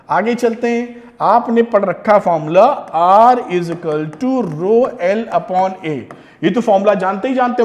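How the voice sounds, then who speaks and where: High-voiced man teaching a physics lesson. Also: darkish tone. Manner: encouraging, talks straight to students, mixes in English terms. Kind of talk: exam-prep lecture while writing on a board.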